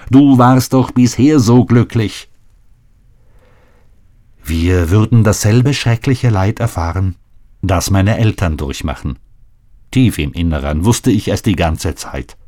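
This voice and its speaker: In a storybook reading, a man plays a young woman torn between her love and her faith. Her voice trembles and sits clearly above his usual low tone, earnest and sorrowful. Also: animated, slow pace, long pauses, mellow.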